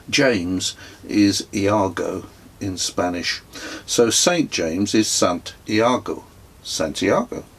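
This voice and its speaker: A middle-aged man narrates his own travel memoir from a script, sounding measured and reflective. His voice is husky and low-pitched.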